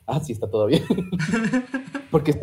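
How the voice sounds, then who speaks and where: A young man with a warm, mellow tone that sits a little high. He chats informally on a podcast and drops swear words freely. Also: wildly swooping pitch, slow. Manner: swears freely, recounts dreams. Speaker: podcast co-host. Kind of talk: casual chat.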